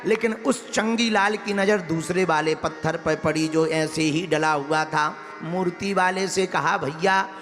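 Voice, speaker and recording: High-voiced preacher in an echoing hall. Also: male voice, unhurried, hardly any pauses, a bit bright, faint music behind. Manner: folksy, teasing, sing-song verses. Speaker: religious preacher. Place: large hall with an audience.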